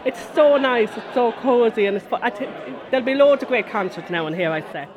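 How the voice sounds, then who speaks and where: A woman's voice: fairly high pitch, animated, brisk, highs cut off. A woman in her forties with a west of Ireland accent, chatting and rambling through stories in a casual interview. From Connemara, west of Ireland. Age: 40s. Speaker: interviewee, folk musician. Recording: busy crowd murmur behind. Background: crowd after a concert.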